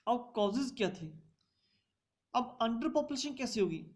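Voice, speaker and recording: A woman's voice: a little high, lively intonation, takes it slowly. A woman teaching a revision lecture, reading points out in English and explaining them in Hindi.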